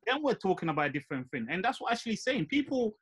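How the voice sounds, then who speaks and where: A man's voice: high-pitched, big pitch swings, quick pace, fairly bright tone, breathy edge. A man explaining his view earnestly in a casual panel discussion, often with rhetorical questions.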